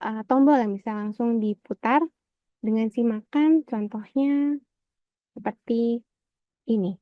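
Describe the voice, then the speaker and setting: A woman presents a teaching e-book in a webinar, filling her pauses with "eh" and wrapping up each point with "begitu". Her voice comes through muffled, with a dull, narrow band, and the room sounds dry and close. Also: on the high side, no echo. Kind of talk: explaining an e-book walkthrough.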